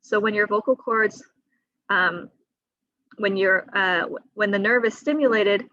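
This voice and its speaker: A woman surgeon on a video call, explaining surgery risks to patients in a clear, teaching manner with a few fillers. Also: mid-range voice, a little slow, bright, forceful tone, no echo, lo-fi sound. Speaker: thyroid surgeon. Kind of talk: patient education talk. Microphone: computer mic on a video call.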